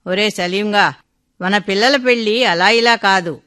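An older man, a devoted old friend, earnest and full of feeling, speaking with a bright, forceful edge as a woman storyteller voices him. His lines are pleading and affectionate, set in a radio story reading. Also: medium pitch, unhurried, smooth. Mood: joyful.

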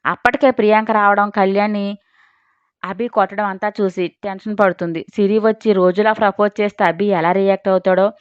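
A woman's voice: medium pitch, a little fast, smooth, dry recording. Woman narrating a dramatic audio story. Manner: dramatic, expressive telling. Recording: dry, slightly dull recording.

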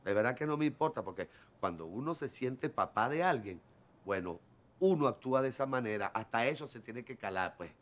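A man's voice: mid-range voice, expressive, fairly quick, close to an everyday voice. An actor with a Venezuelan accent playing an earnest stepfather who pleads affectionately with his stepdaughter in a telenovela. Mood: pleading. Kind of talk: telenovela acting.

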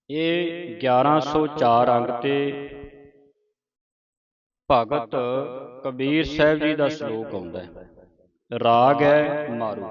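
A man with a Punjabi accent teaching scripture pronunciation, reciting verses slowly and explaining where each pause falls. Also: medium pitch, dull audio. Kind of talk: slow recitation lesson.

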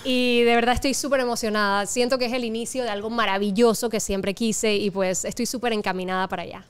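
A young woman with a Panamanian Spanish accent, a TV presenter guesting on a podcast, telling animated stories and dropping English words into her talk. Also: a little high, fast talker, clean tone. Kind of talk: casual podcast chat.

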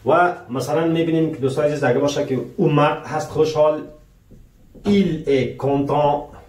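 A male language teacher with a fairly high, slightly mellow voice teaches French in Persian, patiently explaining and quizzing viewers with rhetorical questions while calling them dear friends. He pronounces French example sentences slowly and carefully, recorded at a distance in an echoey room.

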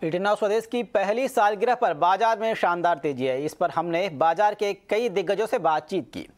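A news anchor reading a scripted market bulletin in a measured, formal way. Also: mid-range voice.

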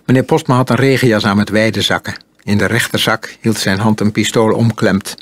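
A man narrating an audiobook in a calm, measured storytelling manner. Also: on the low side, no echo. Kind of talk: audiobook reading.

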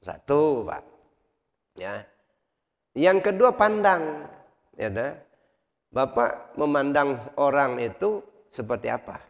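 A man delivers a sermon at a mosque study session with a rough, gravelly voice. He drives each point home through repetition and rhetorical questions to his listeners. The recording is dull and lo-fi, with a long echo from the mosque hall. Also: mid-range voice, very animated, slow pace, long pauses. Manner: repeats points and asks the congregation rhetorical questions. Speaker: Islamic preacher. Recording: reverberant hall, dull lo-fi sound.

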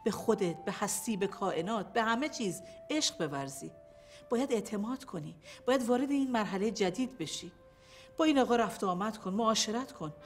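A sweet-talking lady therapist in a film drama, acted by a woman, gentle and coaxing with her patient. Her voice sits in an everyday middle pitch with faint music behind it. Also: lively intonation, close to an everyday voice. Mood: soothing. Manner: soothing, coaxing therapist talk. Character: middle-aged female therapist, sweet-talking but scheming. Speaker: psychologist. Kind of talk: film acting.

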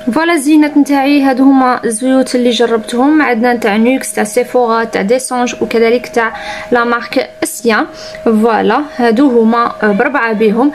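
A woman's voice: on the high side, slight background noise. A woman with an Algerian accent chatting casually to her viewers, reviewing products with enthusiasm. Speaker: beauty vlogger.

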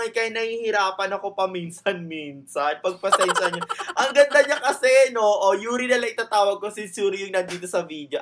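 A young Filipino man with a Filipino accent, chatting excitedly as host of a reaction video and switching between Tagalog and English. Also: high-pitched, very noisy. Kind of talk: casual reaction commentary.

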